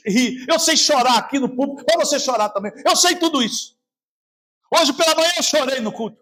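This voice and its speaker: Preaching from the pulpit at a church service, this Brazilian Portuguese-accented pastor moves back and forth between loud shouting and soft, lowered speech.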